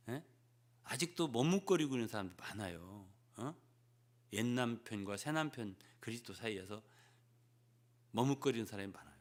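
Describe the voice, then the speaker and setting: An older man, a pastor, preaching a sermon in an animated way, often turning to the congregation with quick questions and acting out prayers and conversations. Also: medium pitch. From South Korea.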